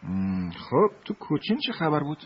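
An actor dubbing a kind, playful man who teases children warmly and laughs often. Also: fairly high pitch, huge pitch swings, slightly rough, lo-fi sound, exaggerated voice. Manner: warm teasing, laughs often. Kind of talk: film dubbing.

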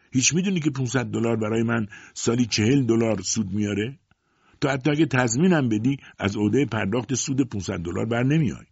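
A stingy, bullying farmer father, as a male reader puts him on, loud and scornful in an audiobook scene. His voice is husky and lively, swinging up and down as he mocks. The recording is dry and a bit dull. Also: medium pitch, dry recording, voice pushed up. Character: stingy, domineering farmer father, middle-aged man.

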